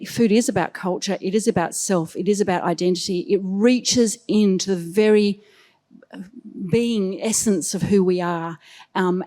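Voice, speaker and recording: Panelist, woman, academic, mellow tone, emphatic delivery. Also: medium pitch. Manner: earnest, emphatic, with many ums. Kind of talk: panel discussion talk. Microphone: handheld microphone.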